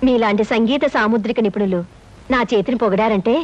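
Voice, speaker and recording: An actress playing a gentle, polite housewife in a film comedy, speaking earnestly. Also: female voice, on the high side, quick pace, lightly acted. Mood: grateful. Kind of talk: 1980s film comedy acting. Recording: dull old film soundtrack.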